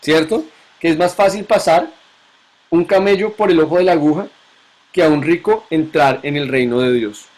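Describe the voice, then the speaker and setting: A man's voice: fairly high pitch, normal speed, darkish tone. Male teacher quizzing a class. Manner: questioning students, repeating key points. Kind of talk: classroom Bible lesson.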